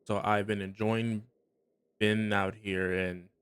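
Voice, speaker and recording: A man's voice: on the low side, little pitch movement, slow pace, a bit bright, clear, resonant tone, no echo, pitched below the performer's own voice. A man reading as a weary woodland worker. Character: weary male worker in the woods, dutiful. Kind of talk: reading game dialogue aloud.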